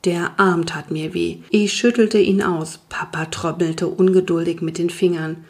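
A woman narrating a children's story in the first person, calm and even. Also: lowish voice, a little slow. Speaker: audiobook reader.

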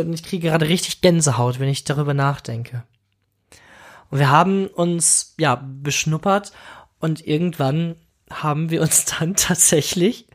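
A man hosting a casual podcast monologue, outspoken and emotional, swearing freely and now and then dropping in English exclamations. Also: fairly high pitch. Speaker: podcast host.

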